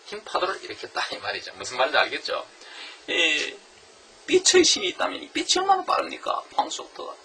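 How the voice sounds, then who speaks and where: Male lecturer, lively pitch, bright tone, slightly distant mic with faint room noise. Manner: animated, rhetorical questions, reads English lines slowly. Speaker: literature lecturer. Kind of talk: classroom lecture on a novel.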